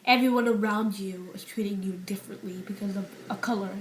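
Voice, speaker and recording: With poor audio, a steady mid-range voice moving a little fast belongs to a seventeen-year-old UK girl confessing to camera, unscripted. Her speech rambles through many fillers and restarts, dropping almost to a whisper on painful subjects.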